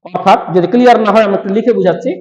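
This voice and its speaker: A man teaching grammar with a high voice, explaining each rule slowly and repeating it step by step. His voice rings in an echoey room, and the recording sounds dull and muffled. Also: a little mellow. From West Bengal, India. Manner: slow, repetitive step-by-step explaining. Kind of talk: explaining grammar rules to students.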